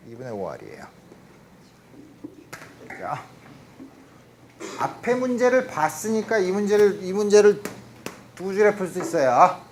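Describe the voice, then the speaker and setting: A man with a slightly high voice lectures on physics, working through each problem one step at a time. He keeps checking in with his listeners and drops English technical terms into his explanations. A faint hiss sits under the lecture-room recording. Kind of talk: university lecture at a board.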